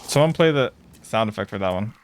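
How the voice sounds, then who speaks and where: Scared horror game streamer, male, sweary and startled, lively swooping pitch, faint background noise. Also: brisk. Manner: swears freely.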